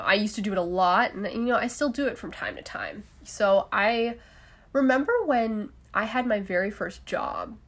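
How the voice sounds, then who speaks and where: With a medium-pitched, slightly bright voice, a young woman runs her own podcast solo. She keeps it casual and chatty, laughing often and using plenty of fillers.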